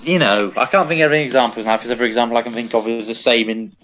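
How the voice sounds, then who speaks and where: A man's voice: mid-range voice, fairly even intonation, rapid-fire, fairly bright tone, a little hiss or hum. A man co-hosting a casual football podcast, rambling and correcting himself with wry asides. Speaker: podcast co-host.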